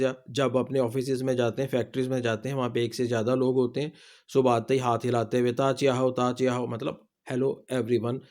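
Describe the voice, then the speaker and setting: A man's voice: medium pitch, a little mellow. A man with a Pakistani Urdu accent, teaching a casual spoken lesson and patiently repeating each word for practice. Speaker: language teacher.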